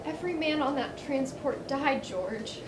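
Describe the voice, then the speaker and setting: A woman playing a gentle, patient male guardian angel in an amateur stage play, coaxing and a little flustered. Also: high voice, lively intonation, measured pace, recorded from a distance. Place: theatre stage. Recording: echoey stage heard from afar, noisy.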